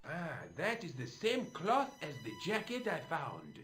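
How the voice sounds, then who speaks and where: A man's voice: a little high, wildly swooping pitch, unhurried, a bit bright, faint music behind, heavily acted. An actor playing a chatty, theatrical French café man in a video game, with a French accent. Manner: theatrical, melodramatic, fussy.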